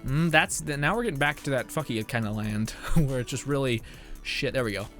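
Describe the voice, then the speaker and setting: A man's voice: mid-range voice, a little fast, fairly bright tone, soft background music. A young man streaming a game, chatting casually, laughing often and reading chat messages aloud. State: out of breath at times. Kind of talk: casual live-stream commentary.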